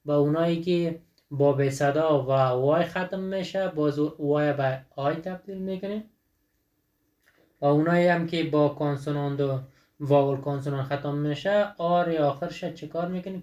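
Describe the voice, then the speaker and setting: A man teaching an English textbook lesson with a Dari accent. He reads English examples slowly and explains them in quick speech, often asking and answering his own questions. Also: a little high, a little mellow, muffled recording.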